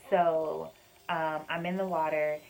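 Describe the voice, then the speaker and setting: A woman's voice: sits low, level tone, takes it slowly, vocal fry, a little mellow, a little hiss or hum, rough recording. A young woman casually recounting a personal story to her viewers, chatty, with frequent fillers and addressing them as "y'all". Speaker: vlogger sharing her birth story.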